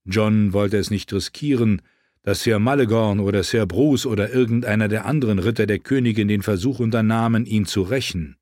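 Low-voiced man reading a novel. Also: brisk, a little mellow, dry recording, clean studio sound. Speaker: audiobook narrator. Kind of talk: reading a fantasy novel aloud.

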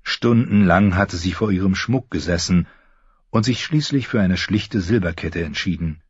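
A man narrating a fantasy audiobook in a measured storytelling manner, in a slightly muffled recording. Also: low-pitched, breathy edge, dry recording. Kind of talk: scripted narration.

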